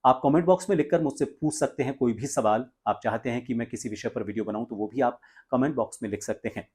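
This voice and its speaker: Male channel host, husky tone, measured delivery with small filler pauses; outro to viewers. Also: medium pitch, a little mellow.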